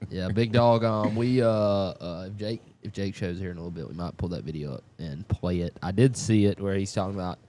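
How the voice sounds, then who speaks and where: A man's voice: low-pitched, fairly quick, hardly any pauses, dark tone. A man, co-hosting a casual live-stream chat in loose, profane, rambling talk. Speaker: co-host.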